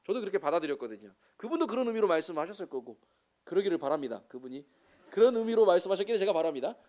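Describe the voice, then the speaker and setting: A man's voice: high-pitched, big pitch swings, rapid-fire, mellow. A man in his forties with a Jeolla Korean accent, a missionary preaching a sermon with chatty, joking asides to the congregation. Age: 40s.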